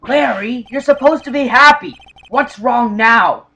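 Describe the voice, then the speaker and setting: A man's voice: extremely high pitch, a little slow, pushed and bright, full character voice. A man playing an earnest, exasperated young rookie defense lawyer in an amateur video game fandub. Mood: flustered, exasperated.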